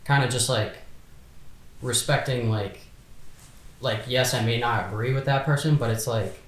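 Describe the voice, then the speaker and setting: A man's voice: medium pitch, moderate pace, echoey room. A man in his twenties, a podcast guest talking casually and hesitantly, full of fillers and restarts. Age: 20s. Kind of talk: casual chat.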